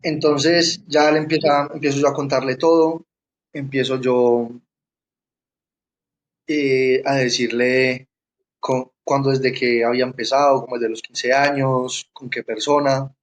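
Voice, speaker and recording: A young man giving a personal testimony, halting and often repeating words as he restarts. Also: medium pitch, little pitch movement. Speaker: interviewee sharing his testimony.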